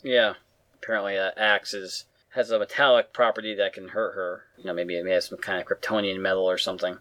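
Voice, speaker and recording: A man's voice: low-pitched, flat delivery, fast talker, sharp tone, no echo. A man co-hosting a casual podcast, adding short remarks and background facts to his partner's recap. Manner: adds short remarks and background knowledge, with fillers and restarts. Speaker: podcast co-host. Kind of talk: casual chat.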